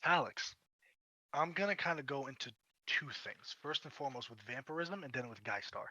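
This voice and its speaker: A man narrating a tabletop fantasy game as game master, with dramatic pauses and emphasis. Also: mid-range voice, expressive, sharp tone, no room sound, poor audio.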